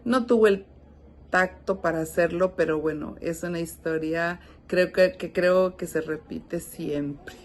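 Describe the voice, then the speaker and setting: A woman's voice: fairly low pitch, unhurried, slight background noise. A woman author talking about her writing in a hesitant way, with many fillers, over a video call.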